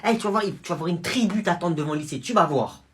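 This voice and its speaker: A man's voice: high-pitched, lively intonation, fast talker. Man doing a brash threatening schoolgirl. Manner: boastful, threatening, loud.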